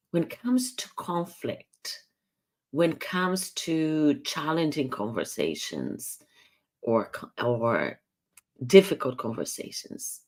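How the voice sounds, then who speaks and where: A woman with a low, unhurried voice gives a live coaching talk. She explains things earnestly and often restarts her phrases as she goes. Her delivery is patient and deliberate. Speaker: communication coach.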